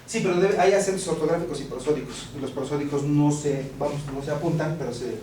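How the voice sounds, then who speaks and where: Speaking quickly in a warm, slightly high voice, a Mexican man chats his way through a law lecture, telling anecdotes and repeatedly asking "¿no?". His accent is Mexican Spanish and his manner conversational. The classroom audio is echoey, noisy, and captured from afar.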